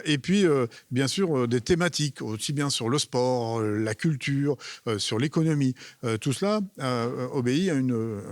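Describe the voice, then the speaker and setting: A local official gives measured, explanatory answers in an interview, hesitating and repeating words as he hunts for the right phrasing. His voice is mid-range, with no echo.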